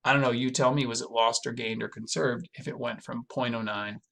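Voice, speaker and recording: A man's voice: mid-range voice, fairly even intonation, fairly quick, vocal fry, bright, forceful tone, slight background noise. A man, a physics teacher, walking students through a homework problem in a casual, chatty, reassuring recorded lesson.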